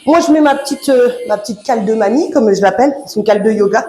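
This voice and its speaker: A woman's voice: a little high, fast, dark tone. A woman coaching a home workout, chatty and encouraging, laughing often and slightly out of breath. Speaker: fitness coach. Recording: echoey room with background music.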